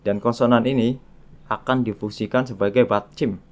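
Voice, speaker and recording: A man's voice: medium pitch, fairly even intonation, normal speed, darkish tone. A man teaching a beginner language lesson, explaining sounds patiently and repeating each one in drills. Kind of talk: slow, patient lesson narration.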